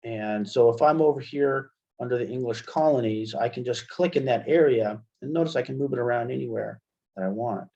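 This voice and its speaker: An American man acting as a webinar presenter and instructor walks through a software tutorial step by step, speaking informally and haltingly and checking in with "right?". His medium-pitched voice is mellow, and the computer-call audio sounds muffled and dull.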